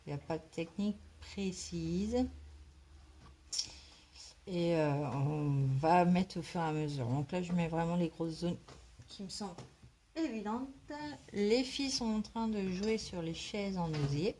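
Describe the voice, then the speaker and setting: A woman's voice: fairly low pitch, a little slow, mellow, slight background noise. A woman chatting casually to her vlog while she colours, hesitant and rambling as she thinks aloud. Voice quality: slight smoker's cough. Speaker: craft vlogger colouring in a book.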